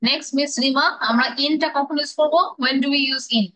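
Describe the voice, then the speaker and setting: A woman's voice: high voice, steady tone, normal speed, pushed and bright, low-quality recording. A woman with a Bangladeshi accent teaching an English grammar class, drilling pronunciation and mixing English phrases into her explanations.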